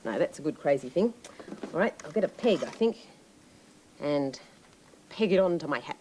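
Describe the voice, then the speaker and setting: A woman presenting a children's TV show, talking slowly in a playful sing-song way to young children. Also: low voice, animated, mellow, slight background noise, low-quality recording. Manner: slow, lilting, playful sing-song delivery.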